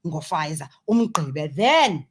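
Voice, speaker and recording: A woman's voice: deep voice, sing-song, slow pace, slight background noise. A woman with a South African Xhosa accent presenting a conversational radio interview, talkative and emphatic as she switches between two languages.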